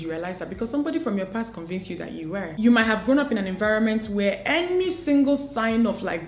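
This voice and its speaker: A woman's voice: mid-range voice, a little mellow, slight background noise. A woman giving motivational advice to camera, earnest and coaching, asking many rhetorical questions. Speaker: beauty and lifestyle vlogger. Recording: echoey room.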